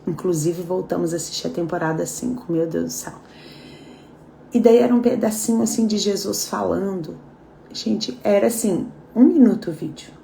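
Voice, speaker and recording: A woman's voice: fairly low pitch, normal speed, gravelly, dark tone, slight background noise. Brazilian woman leading a heartfelt devotional. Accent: Brazilian Portuguese. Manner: heartfelt, chatty, addresses listeners directly. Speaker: devotional leader. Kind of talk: live devotional talk. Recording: echoey room.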